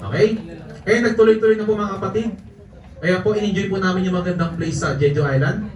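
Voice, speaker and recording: A man with a high, steady voice talks fast as he tells jokey travel stories to a live audience, laughing frequently. He's a network marketing speaker, recorded from a distance in an echoey hall with audience noise.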